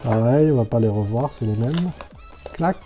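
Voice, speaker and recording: A man's voice: mid-range voice, expressive, normal speed, mellow, soft background music. A man chatting casually as he unboxes toys, thinking aloud and describing each figure in detail. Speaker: toy reviewer.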